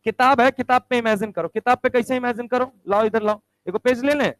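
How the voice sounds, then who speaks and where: A male chemistry teacher lecturing a class, firing quick rhetorical questions and answering them himself. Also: very high-pitched, steady tone, no room sound, rough recording. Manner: answers his own questions aloud.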